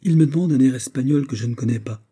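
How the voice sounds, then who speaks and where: A man reading aloud voices a serious young female singer in an audiobook, in a raised, measured voice. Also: mid-range voice, warm tone, husky, pitched above the performer's own voice, lightly acted. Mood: troubled. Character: young woman singer, earnest and grave.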